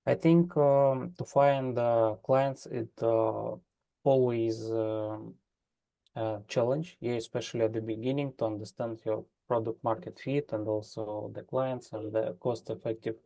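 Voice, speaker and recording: Gravelly, mellow man hesitating on a video call. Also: medium pitch, fairly even intonation, dry recording. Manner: halting, many uhs. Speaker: business owner. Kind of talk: self-introduction on a video call.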